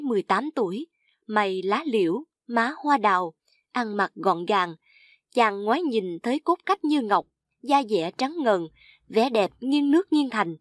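A woman narrating a classical tale in a measured way, reciting old verse. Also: mid-range voice, dry recording, clean studio sound.

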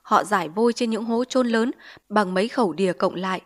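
A woman narrating a literary story in a measured, sorrowful way. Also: medium pitch.

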